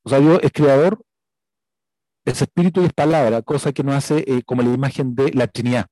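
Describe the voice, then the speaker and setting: A Chilean man preaches in an easy, talkative way, often asking his listeners "right?" as he goes. His voice sits a little high but sounds mellow and dark. The recording is dry and close. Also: dry recording, poor audio. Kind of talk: conversational sermon with a personal story.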